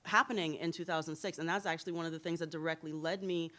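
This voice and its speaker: Woman in her 30s from trinidad, lowish voice, candid and chatty, interview guest. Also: steady tone, fast talker, fairly bright tone. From Trinidad and Tobago. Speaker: hair blogger, interview guest. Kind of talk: symposium interview.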